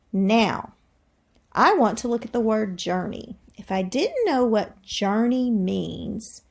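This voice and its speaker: This woman teacher has a medium-pitched, creaky voice. She reads aloud to young children deliberately and with expression, thinking aloud and asking them questions.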